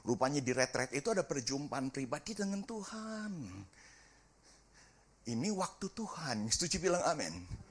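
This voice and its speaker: A middle-aged man, a pastor preaching a sermon and telling a family story with lively acted-out dialogue. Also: on the high side, moderate pace. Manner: animated storytelling, acts out family dialogue, sings briefly.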